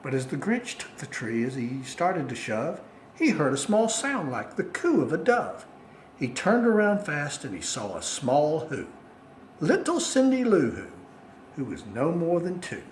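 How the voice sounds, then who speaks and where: A man's voice: a little high, huge pitch swings, measured pace, echoey room, a little hiss or hum, rough recording. A man reciting a rhyming children's story from memory in a theatrical, sing-song way, on an amateur phone recording.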